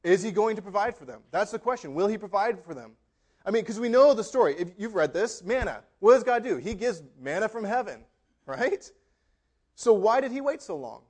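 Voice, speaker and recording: A man's voice: high-pitched, lively intonation, fairly quick, a little mellow. A man preaching a sermon in a conversational, joking way with an American accent, often tossing in "right?" and acting out quotes. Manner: conversational preaching, frequent asides of "right?" and laughter. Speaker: pastor.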